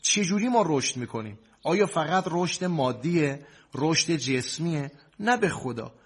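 A man's voice: fairly high pitch, expressive, husky. Preachy man counseling a couple. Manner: preachy, soothing, repetitive lists. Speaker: cleric marriage counselor in a sketch. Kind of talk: comic sketch, preachy advice.

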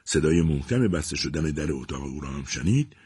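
A man narrating a story in a measured, expressive way. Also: rumbling low, noisy background.

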